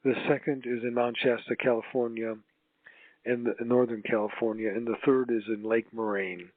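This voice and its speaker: A man leading a guided healing meditation as a spiritual channel, in a solemn, mystical healer manner with drawn-out, halting phrases. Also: medium pitch, flat delivery. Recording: roomy, tinny phone-like line.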